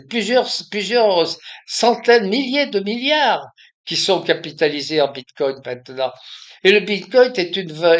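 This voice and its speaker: Slow, halting older Frenchman. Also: high voice, fairly bright tone, highs cut off. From France. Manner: halting, many restarts and fillers. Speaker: video commentator. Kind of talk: impromptu monologue.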